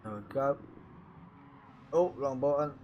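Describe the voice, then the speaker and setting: A man with a croaky, sore-throated voice, chatting casually as host of a racing league stream and talking to himself while he sets things up. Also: medium pitch, measured pace, lo-fi sound, a little hiss or hum. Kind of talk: casual live-stream race commentary.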